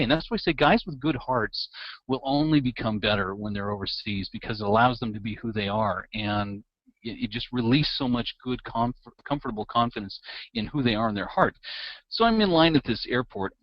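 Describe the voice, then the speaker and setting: A man hosting a podcast recounts a story with laughing, animated energy. His voice sits at a middling pitch. The recording is slightly muffled and lo-fi, dry with no room echo. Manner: lively, laughing anecdotal delivery. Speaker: podcast host. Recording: dull, slightly lo-fi dry sound.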